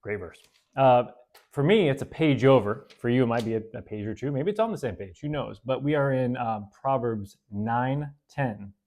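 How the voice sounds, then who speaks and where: Hosting an informal Bible study, this medium-pitched man talks conversationally, using fillers and correcting himself now and then. Scripture verses get a slow, careful reading.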